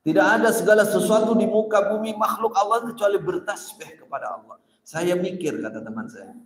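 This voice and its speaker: Man, preacher, sermon with stories, emphatic, slightly high voice, long echo of a large hall. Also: brisk. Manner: emphatic, rising sharply on key words. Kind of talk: sermon with storytelling. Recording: echoey hall with long reverb.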